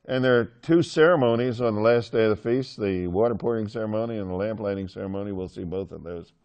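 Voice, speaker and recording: A man's voice: lowish voice, fast talker, darkish tone, clean tone. A male Bible teacher talks his class through a passage in an easy, chatty way. He jokes with the students and keeps pulling answers out of them. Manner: chatty, joking with the class, asks questions.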